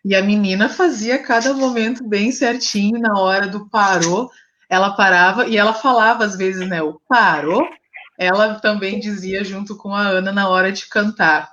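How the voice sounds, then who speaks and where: A woman hosts a casual live stream, her voice at a middle pitch. She keeps nudging her guest along in an encouraging way. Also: fairly even intonation, moderate pace, fairly bright tone, muffled recording.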